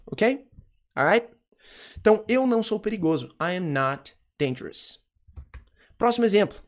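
A Brazilian man with a slightly raised voice teaches English in a relaxed, chatty recorded lesson. He voices his students' questions and answers them himself. He repeats each example sentence slowly. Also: on the high side. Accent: Brazilian Portuguese.

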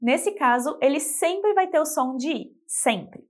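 Woman, lesson narration, bright high pitch, very lively intonation, careful demonstration. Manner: clear, slow model pronunciations of example words. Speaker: Spanish teacher. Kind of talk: scripted language lesson.

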